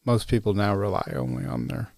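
A man hosts a solo podcast in a medium-pitched, steady, brisk voice that sounds creaky and darkish. He chats casually with many uhs and restarts, and the studio-quality recording has no room sound.

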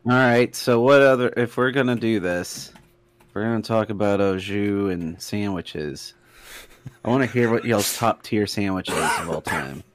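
A man's voice: fairly low pitch, unhurried, slight background noise. A man co-hosting a podcast, giving laid-back, dry reactions in casual chat. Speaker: podcast co-host.

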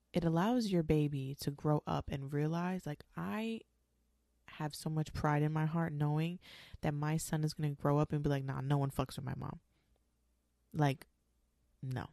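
A young mother in her twenties talks bluntly and with force, dropping curses to make her point. Her voice sits low and mellow, with a gravelly edge. The sound is dry and close, with no room behind it. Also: dry recording. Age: 20s. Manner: blunt, emphatic, swears freely. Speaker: mother talking about her show. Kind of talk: candid monologue.

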